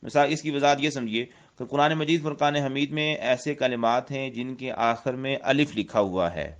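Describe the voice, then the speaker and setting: Explaining Quranic script step by step, a male Quran teacher with a Pakistani Urdu accent repeats his points and recites Arabic verses. His mid-range voice comes through with a lo-fi sound.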